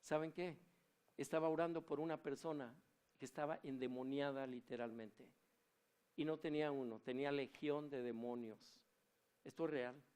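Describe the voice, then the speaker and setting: A man's voice: medium pitch, moderate pace, clear, resonant tone. A man preaching a sermon, telling stories and asking the congregation questions. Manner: animated, storytelling, asks the congregation questions. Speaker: pastor.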